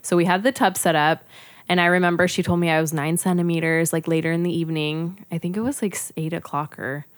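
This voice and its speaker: A woman's voice: lowish voice, steady tone, fast, no echo. A young woman, a podcast guest, telling a personal story casually with lots of "like" fillers. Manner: chatty, frequent "like" fillers.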